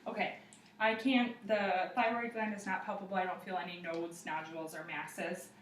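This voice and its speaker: A woman's voice: fairly low pitch, flat delivery, moderate pace. Young woman, procedural exam narration, roomy sound, faint background noise. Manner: procedural, step-by-step narration to a patient and observer. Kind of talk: spoken clinical exam demonstration, narrating findings. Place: living room, indoors. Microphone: camera across the room. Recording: roomy, distant camera mic, faint noise.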